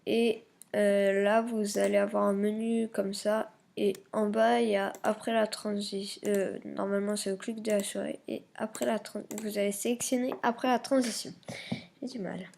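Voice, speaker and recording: A woman walking viewers through a software tutorial, hesitant and full of fillers, self-corrections and muttered asides. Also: mid-range voice, little pitch movement, moderate pace, creaky. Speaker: YouTube tutorial maker. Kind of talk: screen-recording software tutorial.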